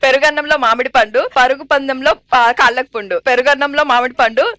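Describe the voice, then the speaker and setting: A woman guest on a game show, joking around and tripping over tongue twisters in a high voice. Loud music runs behind her. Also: a little fast. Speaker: celebrity guest, TV serial actress. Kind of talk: playful banter on a game show.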